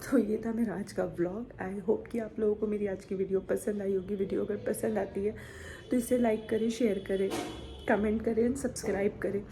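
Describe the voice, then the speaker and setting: A young woman vlogger talking quietly to her camera in a subdued, reflective way. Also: medium pitch, steady tone, moderate pace, faint music behind. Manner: subdued, soft-spoken and reflective. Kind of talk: personal vlog talk to camera.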